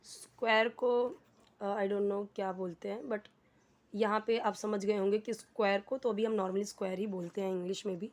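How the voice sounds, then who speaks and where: A woman teaching English, patiently asking and answering her own questions. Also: mid-range voice. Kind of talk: explaining a lesson.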